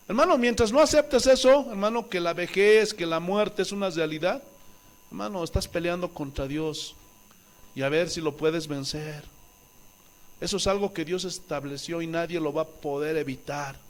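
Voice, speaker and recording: A male pastor from Bolivia delivers a fervent sermon with a notably high voice. He swings between loud, exclaiming bursts and hushed asides, and slips into wailing or pleading tones when he acts out the voices of the people he quotes.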